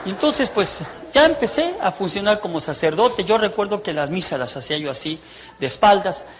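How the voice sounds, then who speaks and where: An older man in his sixties tells his testimony to a congregation, and his voice sits a little high for a man. He swings between loud, lively bursts and low, confiding asides. A faint noise hums under the recording. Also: fairly quick. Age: 60s. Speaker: preacher giving a testimony. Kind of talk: testimony sermon.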